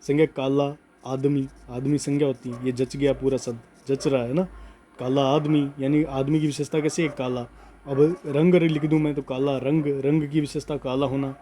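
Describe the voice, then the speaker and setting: A man teaching a grammar class, slowly dictating notes and repeating key words, often checking in with "okay". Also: medium pitch, flat delivery, mellow, slight background noise. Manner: slow emphatic dictation, repeats words, frequent "ठीक है".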